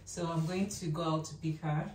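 A young woman talking casually to her camera as a vlogger, chatty and quick to laugh. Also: deep voice, fairly even intonation. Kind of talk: casual vlog chat. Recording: echoey room with faint noise.

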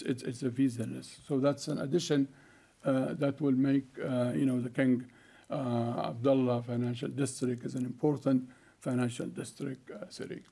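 An older man with a medium-pitched, mellow voice gives a conference keynote from a lectern on a conference hall stage. His delivery is halting, full of fillers and restarts, picked up by a lectern microphone.

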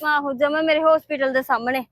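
An actress with a Punjabi accent playing a young nurse who curtly brushes off a persistent suitor. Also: female voice, high voice, fairly even intonation, brisk, fairly bright tone, no room sound, studio quality. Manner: curt, dismissive.

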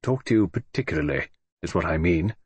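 A man reading an audiobook, voicing a gruff, blustering old retired admiral who speaks in brusque, clipped grumbles. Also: low-pitched, expressive, fairly quick, pitched below the performer's own voice.

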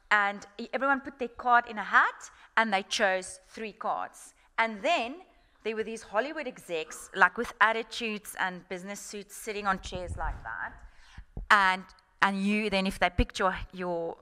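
A middle-aged South African woman tells stories at a festival workshop with a bright, forceful voice. She talks frankly and informally, full of energy. Her pitch sits in a middle range. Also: unhurried, smooth. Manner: animated storytelling, frank and informal. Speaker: guest speaker.

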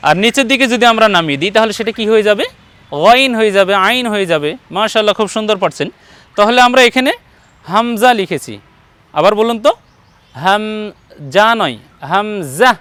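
A man's voice: high voice, lively intonation, quick pace, fairly bright tone, clean tone, no echo. A man teaching Quran recitation one-on-one, patiently modelling each letter sound and encouraging his student. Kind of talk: patient one-on-one pronunciation lesson.

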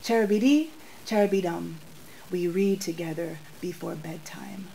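A young woman from the United States reading her poems at a bookstore into a stand mic, soft and measured, with hesitant spoken asides. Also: on the low side, vocal fry, slight background noise, poor audio. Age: young adult. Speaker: poet. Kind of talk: poetry reading with spoken remarks. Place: small bookstore, indoors. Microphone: stand mic in front of her.

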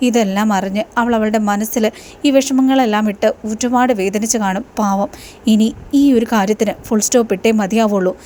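A woman's voice: medium pitch, steady tone, fairly quick, warm tone, a little hiss or hum, natural voice. A woman reading a regretful young husband's inner thoughts. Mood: remorseful.

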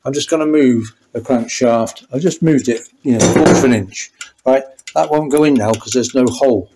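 A man's voice: medium pitch, moderate pace, noisy background. An older man explaining motorcycle engine work step by step, thinking aloud as he goes. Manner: thinking aloud, restarting sentences while working. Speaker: motorcycle mechanic. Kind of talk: hands-on workshop tutorial. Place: small garage workshop, indoors.

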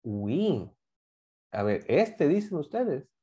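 A man's voice: medium pitch, big pitch swings, slow pace, dark tone. A man teaching a class, patiently explaining grammar and repeating examples while asking students to join in. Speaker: English teacher.

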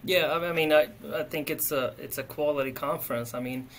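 A man in his thirties from Sweden, speaking English with a Swedish accent as a soccer coach, relaxed and often repeating words while he thinks, on a video call from an office. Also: a little high, a little fast, a little hiss or hum. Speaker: head soccer coach, guest. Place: office with window. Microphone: webcam on video call.

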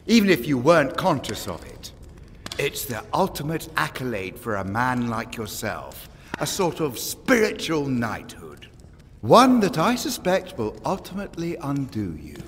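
An actor playing a smug old pagan island lord in an audio drama, pompous, taunting and silkily eloquent. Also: male voice, mid-range voice, wildly swooping pitch, unhurried, in a large hall, a little hiss or hum. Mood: mocking, silky. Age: older.

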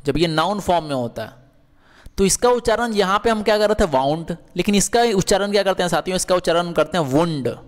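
A man's voice: high-pitched, quick pace, in a large hall. A man teaching English verbs in Hindi, asking questions and answering them himself, with frequent checks that the class is following.

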